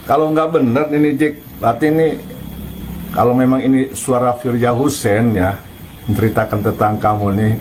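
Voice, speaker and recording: A man hosting a commentary channel, taunting and questioning in a mocking tone with soft laughs. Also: mid-range voice, slight background noise, poor audio.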